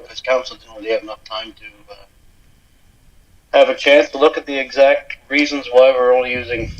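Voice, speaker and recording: A councillor calling in to a meeting over a remote line that keeps cutting out, asking questions with hesitant fillers. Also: male voice, mid-range voice. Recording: dull lo-fi call audio.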